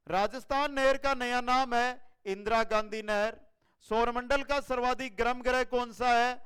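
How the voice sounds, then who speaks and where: A man with a Rajasthani Hindi accent, an online exam-prep teacher running a fast quiz-style lesson, energetic and repeating each answer for his viewers. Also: very high voice, clear, resonant tone.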